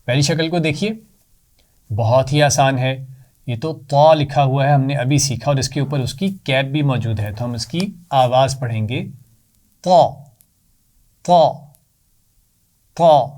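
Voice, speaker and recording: A man's voice: medium pitch, a little mellow. A man teaching a children's Quran reading lesson, patiently repeating letter sounds for the pupils to copy and praising them often.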